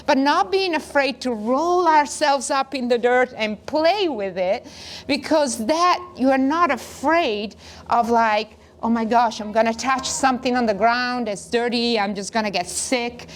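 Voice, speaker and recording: A woman's voice: on the high side, unhurried. A middle-aged woman from northern Italy, talking earnestly in long flowing phrases as a wellness co-host. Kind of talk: casual conversation.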